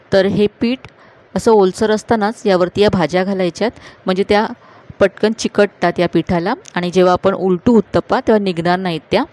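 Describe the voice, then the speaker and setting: A woman hosting a cooking channel, calmly narrating each step of a recipe to viewers in a voice-over. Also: mid-range voice. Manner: calm, instructive, addressing viewers directly.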